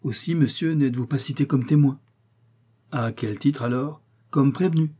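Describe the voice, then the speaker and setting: A man's voice: mid-range voice, moderate pace, dark tone, breathy edge, close to an everyday voice. A man voicing an investigating judge who questions a suspect formally and firmly. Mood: stern.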